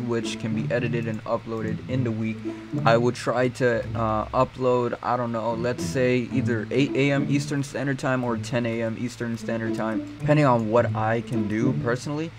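Young man, gaming commentary, mid-pitched voice, slangy, rambling, conversational, music in the background. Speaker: gaming video creator and streamer. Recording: music behind the voice.

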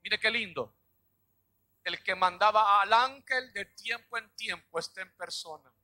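A male pastor preaching a sermon, dramatic, acting out little scenes and shouting key lines. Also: high-pitched, a little slow.

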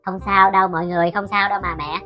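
A woman's voice: medium pitch, steady tone, racing, dull audio, soft background music, natural voice. A woman voicing the ghost of a wronged teenage twin girl, speaking in a tearful, pleading way. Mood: calm, resigned. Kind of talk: web series drama acting.

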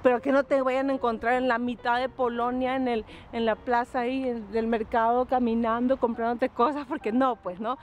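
A woman's voice: fairly high pitch, level tone, moderate pace, few pauses, lo-fi sound. A woman giving casual advice in a vlog, chatty and earnest, often repeating her pleas and laughing.

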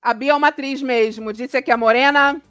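High-voiced woman hosting a chatty live stream. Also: fairly even intonation, brisk, fairly bright tone, smooth, no room sound, dull audio, soft background music. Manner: chatty and exclamatory, greeting viewers by name. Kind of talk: live reaction commentary, reading viewer comments.

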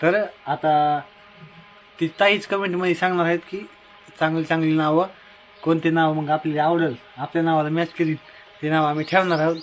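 This is a young man from Maharashtra filming a casual family vlog on his phone outside his house. His voice sits a little high for a man, and he rambles on, circling back to the same points. A faint hiss of outdoor noise stays underneath his talk. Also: level tone, moderate pace. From Maharashtra, India. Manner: chatty and repetitive, often calling loudly to his wife. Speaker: family vlogger.

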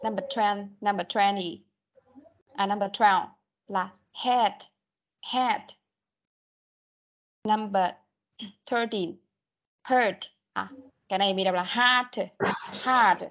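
Slow, patient woman teacher on a video call. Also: mid-range voice, fairly even intonation, lo-fi sound. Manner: patient, drills words slowly one by one. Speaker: English teacher. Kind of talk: online class instruction. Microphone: computer mic on a video call.

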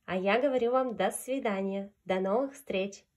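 A woman's voice: medium pitch, moderate pace, darkish tone. A woman reading a fairy tale aloud to young children in a sing-song storyteller's manner. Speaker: children's storyteller fronting a puppet.

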